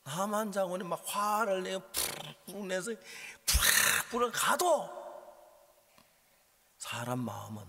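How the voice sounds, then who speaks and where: A male pastor preaching a sermon, telling stories dramatically and dropping from shouts to hushed whispers. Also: high voice, sing-song, slow pace, vocal fry. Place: large church or seminar hall. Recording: long hall reverb.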